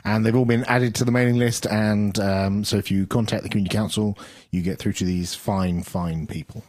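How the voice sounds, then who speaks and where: A man co-hosts a relaxed tech podcast, joking and laughing as he talks. His voice is low and a little husky, recorded close and dry. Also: fairly quick, no room sound. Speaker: podcast co-host. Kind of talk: casual tech podcast chat.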